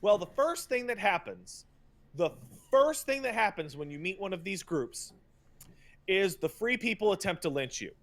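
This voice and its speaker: This man's high-pitched, animated voice carries a casual podcast rant about video games. Profane and emphatic, he speaks in a stop-and-start way, repeating himself and mockingly paraphrasing others.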